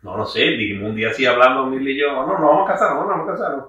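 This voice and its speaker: A man's voice: medium pitch, bright, forceful tone, lo-fi sound. A man jokes around in a casual chat. He keeps jumping in with teasing remarks. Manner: quick, teasing banter, jumps in often. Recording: very echoey room, mic at a distance.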